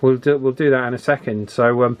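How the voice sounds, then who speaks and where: A man with a medium-pitched, steady voice hosts a radio hobby video, talking briskly. He's casual and conversational but hesitant, frequently tacking on tag questions.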